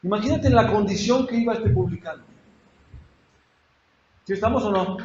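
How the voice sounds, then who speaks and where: A man's voice: sits high, moderate pace, a little mellow, a little hiss or hum. A man preaching a sermon in a church, asking his congregation questions and acting out prayers with feeling. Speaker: pastor. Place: church hall. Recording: echoey church hall, dull lo-fi sound.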